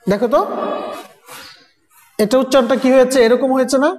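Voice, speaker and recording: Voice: sits high, a little fast, darkish tone, a little hiss or hum. A teacher giving a recorded grammar lesson, constantly asking students rhetorical questions and repeating sounds. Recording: echoey room with long reverb.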